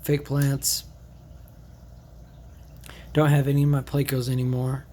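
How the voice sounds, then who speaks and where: A man talks loosely beside his fish tank, thinking aloud, drifting between thoughts with plenty of fillers. His voice sits at an ordinary middle pitch. A faint hum runs under the recording. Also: completely flat delivery, measured pace, dark tone. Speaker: aquarium hobbyist vlogger. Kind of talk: casual tank tour vlog.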